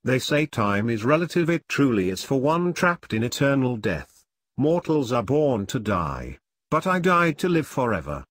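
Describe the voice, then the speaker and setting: Ein Mann, der in einer gelesenen Versgeschichte einen grüblerischen, müden Sensenmann spricht und feierlich in Reimen deklamiert. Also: male voice, medium pitch, sing-song, moderate pace, dry recording, studio quality, voice pushed up. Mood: solemn. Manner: solemn, declaiming in rhyme. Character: brooding weary male Grim Reaper. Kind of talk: amateur dramatic poetry reading.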